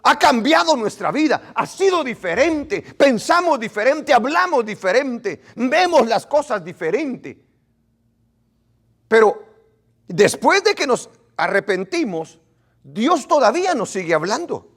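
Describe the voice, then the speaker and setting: A male pastor preaching a sermon to his congregation in an animated way, often repeating and restarting his words. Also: very high voice, measured pace. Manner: animated, acts out what his congregation says.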